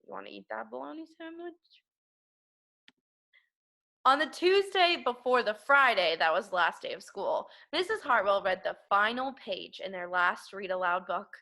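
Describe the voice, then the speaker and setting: A woman reads a children's picture book aloud like an elementary school teacher, narrating expressively and emphatically for young children. Her voice is mid-range, her pace moderate, with few pauses, making for an animated storybook reading.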